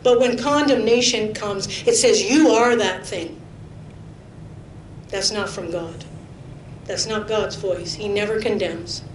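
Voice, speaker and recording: A middle-aged woman, preaching a sermon full of personal testimony in an earnest, chatty way. She laughs often and drops to a near-whisper for emphasis. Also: a little slow. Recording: roomy hall echo with faint rumble.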